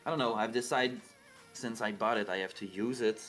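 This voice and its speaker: French canadian guy, quebec accent, low voice, stops to find his english words, faint music behind. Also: steady tone, a bit bright. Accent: Québécois French. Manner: halting, searching for English words. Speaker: streamer. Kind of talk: casual chat on a livestream call. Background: faint background music.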